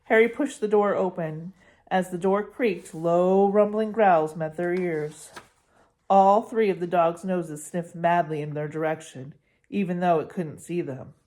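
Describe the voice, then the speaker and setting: A woman's voice: lowish voice, measured pace, darkish tone. Woman reading a storybook aloud. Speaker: narrator.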